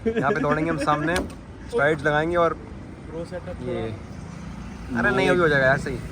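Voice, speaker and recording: A young man vlogging to a handheld camera, excitable and mixing Hindi and English as he talks. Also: a little high, brisk, over a noisy crowd. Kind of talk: casual vlog talk to camera. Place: outdoors at a shopping mall at dawn. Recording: noticeable background noise.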